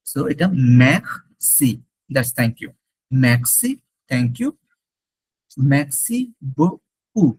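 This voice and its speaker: A man teaching a French class in Bengali mixed with English, repeating each French word slowly. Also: mid-range voice, slightly rough, no echo, poor audio. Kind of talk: classroom lesson.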